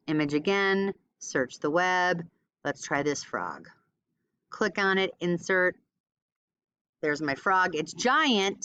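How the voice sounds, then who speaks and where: A teacher gives a casual, screen-recorded, step-by-step software tutorial, thinking aloud as she demonstrates. Her voice sits on the low side, a bit bright and clean with no echo, though the recording has a dull lo-fi sound.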